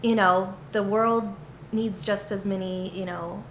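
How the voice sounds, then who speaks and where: A woman's voice: medium pitch, fairly even intonation, unhurried. A woman, a children's book author, talking casually in a podcast interview, rambling with many fillers. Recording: roomy, with faint noise.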